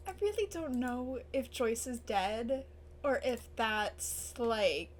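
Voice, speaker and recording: A woman's voice: on the high side, animated, slow pace, slight background noise. A young woman hosting a TV reaction video, emotional and tearful, gasping, swearing and laughing through her upset. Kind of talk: episode reaction commentary.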